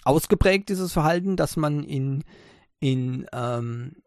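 A man's voice: on the high side, slow, dry recording, studio quality. A man hosting a tech podcast, talking casually with many fillers and sarcastic asides. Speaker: podcast host.

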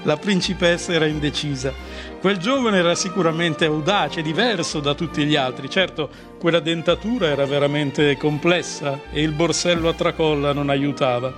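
A man narrates a mock children's fable in a playful, mock-solemn way, as a comedian calling in remotely. His voice sits fairly high, with faint music running behind him. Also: normal speed. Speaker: comedian guest. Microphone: remote over a phone app.

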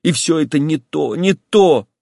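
A man puts on a fiery, impulsive young woman in this audiobook, raised high above his own register and pushed louder. Her lines press and plead, swooping in pitch. The recording is close and dry. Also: animated, measured pace, no room sound. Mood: agitated. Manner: pleading, agitated, insistent. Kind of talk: audiobook character voice.

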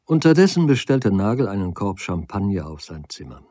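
A man reading a literary novel aloud as an audiobook, in a calm, measured storytelling manner. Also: fairly low pitch, dry recording, studio quality. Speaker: audiobook reader.

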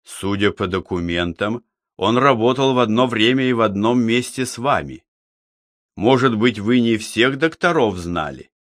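A man voicing a calm, resolute middle-aged police investigator who speaks in a measured, deliberate way in an audiobook. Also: lowish voice, dry recording, clean studio sound.

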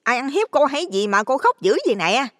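A man's voice: very high-pitched, sing-song, brisk, fairly bright tone, in a large hall, voice pushed up, heavily acted. A man voicing a gossipy middle-aged village tea-stall woman, fawning and chatty. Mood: fawning nosy.

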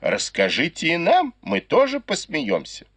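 A fond old noble matriarch with a high, lively, husky voice, as a male reader puts her on. She sounds indulgent and teasing, with a swooping pitch. The recording is dry and close. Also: unhurried, no echo, exaggerated voice. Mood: amused, teasing.

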